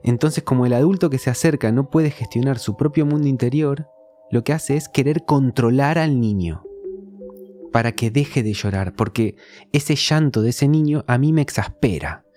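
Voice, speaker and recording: Mellow-voiced Argentine man explaining calmly. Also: medium pitch, moderate pace. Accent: Rioplatense Spanish. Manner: reflective, explains with everyday examples. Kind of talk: casual conversation.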